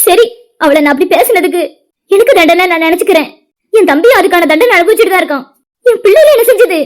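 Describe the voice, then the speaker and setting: A woman's voice: extremely high pitch, animated, quick pace. A performer voicing a guilt-ridden mother in a cartoon, pleading and apologizing. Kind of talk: animated cartoon voice acting.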